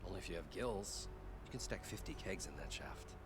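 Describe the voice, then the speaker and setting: A showy treasure-hunting tinkerer, Moreland. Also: male voice, low voice, animated, fairly quick, creaky, background noise. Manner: theatrical, salesman-like, hushed conspiratorial asides. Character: boisterous middle-aged male treasure-hunting tinkerer. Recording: game audio with loud music behind.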